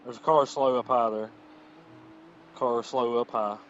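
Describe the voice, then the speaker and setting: A man's voice: mid-range voice, steady tone, unhurried, fairly bright tone, slight background noise. A man acting as a race spotter, giving short, clipped calls over team radio. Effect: terse pit radio calls over team voice chat. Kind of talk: sim racing spotter calls. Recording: dull lo-fi voice chat line.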